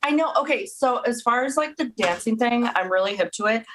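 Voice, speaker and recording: A woman's voice: a little high, animated, a little fast, fairly bright tone, slight background noise, low-quality recording. Rambling woman in an improv scene. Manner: rambling, lots of "like". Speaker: improv performer.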